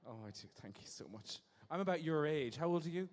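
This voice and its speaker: In an echoey large venue, a man hosting a live show plays with the crowd in a teasing, campy manner through a handheld microphone. His pitch is on the high side, with lively intonation and a quick pace.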